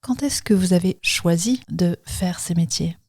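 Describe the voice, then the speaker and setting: A woman journalist hosting a podcast, delivering a scripted intro and asking measured, poised questions. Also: on the low side, darkish tone, slightly rough.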